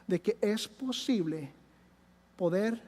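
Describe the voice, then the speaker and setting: Pastor preaching in a reverberant church. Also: male voice, sits high, lively intonation, slow pace, darkish tone. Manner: conversational preaching with personal stories and frequent hesitations. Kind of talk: sermon. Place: church sanctuary.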